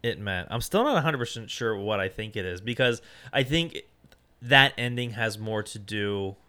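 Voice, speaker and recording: A man co-hosting a casual film podcast. He speaks haltingly and searches for words with many fillers. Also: fairly low pitch, expressive, pushed and bright, clean tone. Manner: hesitant, many fillers, restarts thoughts. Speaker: podcast co-host.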